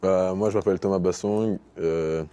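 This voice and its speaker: A man's voice: sits low, steady tone, normal speed, dark tone, clear, resonant tone. A young man from Paris answering interview questions casually, easing into English basketball terms. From Paris, France. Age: young adult. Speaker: basketball player guest.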